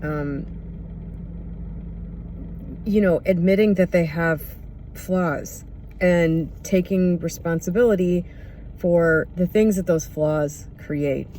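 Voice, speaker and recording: Casting: mid-pitched voice for an unscripted reflective monologue, candid, hesitant, casual, with faint vehicle-like noise behind. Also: takes it slowly, long pauses, mellow. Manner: candid, hesitant, searching for words. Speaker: podcast or vlog host.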